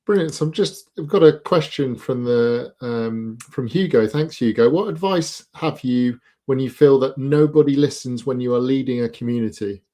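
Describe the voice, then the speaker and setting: A male host with a mellow, relaxed tone. He answers with short words of encouragement and then puts the next question to his guest. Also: medium pitch, normal speed, hardly any pauses. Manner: brief encouraging interjections, reads audience questions. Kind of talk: interview host.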